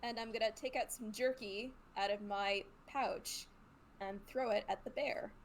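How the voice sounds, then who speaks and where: A woman's voice: medium pitch, steady tone, measured pace, a little hiss or hum. Player, female, chatty and giggly, mid-range voice, tabletop game. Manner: giggly, chatty, describes her moves. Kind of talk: casual tabletop play.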